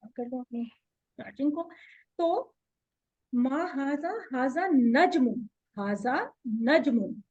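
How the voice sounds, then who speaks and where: High-voiced woman teaching Arabic. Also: a little mellow. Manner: explanatory, drills pronunciation slowly. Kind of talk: online class lesson. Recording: dull lo-fi audio.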